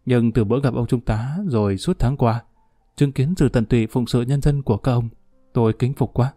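A man's voice: mid-range voice, fairly even intonation, normal speed, warm tone, no echo, clean studio sound, soft background music, natural voice. A man voicing a grateful, emotional middle-aged doctor who speaks earnestly and formally. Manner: earnest, formal, effusive thanks.

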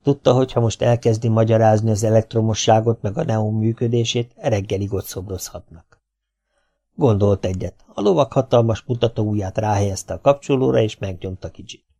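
A man narrating a children's novel as an audiobook, telling the story in a lively, wry way. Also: fairly low pitch.

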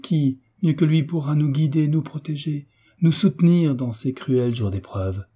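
A man's voice: a little high, a little slow, dark tone, husky, pitched above the performer's own voice. A man reading the part of a young orphaned heiress who pleads earnestly in a storybook reading. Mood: pleading. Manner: earnest, imploring.

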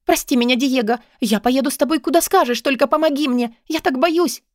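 A woman voicing a young witch girl who speaks in excited, pleading exclamations in an audiobook. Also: sits high, brisk, no echo, studio quality, pitched above the performer's own voice, lightly acted. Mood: eager pleading. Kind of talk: audiobook character voice.

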